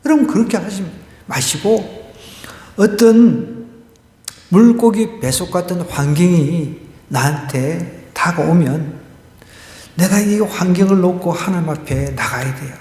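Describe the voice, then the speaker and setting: A man's voice: high-pitched, unhurried, pauses often, mellow. A male pastor preaching an expository sermon at a Friday prayer meeting, emphatic, with rhetorical questions and vivid sound words. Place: church sanctuary. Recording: echoey church hall with long reverb.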